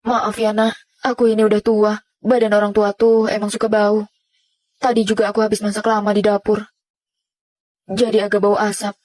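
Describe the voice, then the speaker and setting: A woman dubbing a humble elderly mother-in-law who speaks softly and self-effacingly in a drama. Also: medium pitch, little pitch movement, moderate pace, pauses often, no room sound, lightly acted. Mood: apologetic. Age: older.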